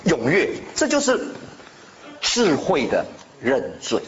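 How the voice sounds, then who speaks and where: A man preaching a sermon with lively rhetorical questions to the congregation, mixing in the odd English word. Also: mid-range voice, slow. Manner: mixes in English words. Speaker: pastor. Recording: slightly dull, faint room noise.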